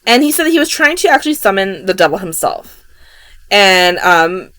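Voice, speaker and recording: A woman's voice: medium pitch, sing-song, moderate pace, fairly bright tone, no echo. A woman podcast host retelling a strange case in a loose, casual way, full of "you know" and "um". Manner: rambling, filled with "you know" and "um". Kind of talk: casual true-story retelling.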